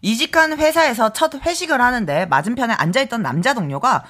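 A woman's voice: a little high, lively intonation, fast talker, fairly bright tone. A woman on a radio show whose voice rises and falls widely as she reads listener stories and banters. She reacts animatedly and laughs along.

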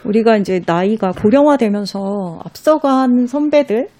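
Mellow-voiced woman recommending books. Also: a little high, lively intonation. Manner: reads passages aloud slowly. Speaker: book recommender guest. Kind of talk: casual talk about books.

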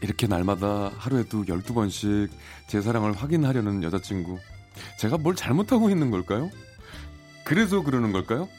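A man's voice: fairly low pitch, animated, brisk, a little mellow, soft background music. Easygoing male podcast host. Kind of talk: casual chat and story reading.

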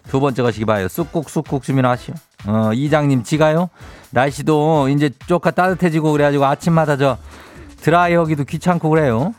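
A radio host with a Chungcheong Korean accent, talking in a slow, folksy drawl as he hands out teasing, homespun advice. His voice sits a bit high for a man. Soft music plays faintly behind him. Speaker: radio host reading listener messages. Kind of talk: folksy radio call-in chat.

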